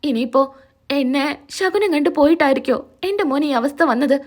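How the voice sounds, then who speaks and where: A distraught, pleading mother insists her son has done nothing wrong, voiced by a woman reading the scene. Her voice is high and urgent. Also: lively intonation, normal speed. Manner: pleading, despairing.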